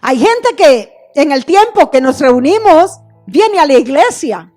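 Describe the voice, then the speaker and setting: A woman's voice: high-pitched, big pitch swings, slow pace, a little mellow, faint music behind. A woman pastor preaching a sermon with passion, crying out the blind man's plea for mercy.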